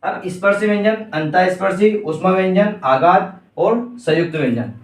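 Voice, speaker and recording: A man's voice: high-pitched, moderate pace, far from the mic. A man teaching a grammar lesson for exam prep, asking the class questions and answering them himself. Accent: Indian Hindi. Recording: echoey room, voice from off-mic.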